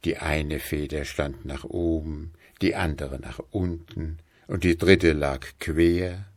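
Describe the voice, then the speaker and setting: A man narrates an old folk tale in a slow, measured storybook style. His voice is lowish and gravelly. The sound is close and dry. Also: no echo. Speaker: reader of a fairy tale.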